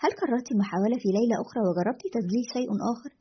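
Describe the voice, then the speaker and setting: A woman's voice: on the high side, rapid-fire, a little hiss or hum, lightly acted. A woman voicing a weary, cynical male radio host who speaks in a grim, detached way. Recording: dull lo-fi recording.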